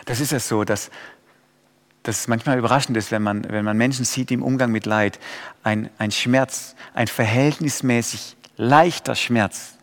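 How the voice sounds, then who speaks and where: A man preaching a sermon, dropping to quiet and rising to loud pleading cries. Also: medium pitch, in a large hall.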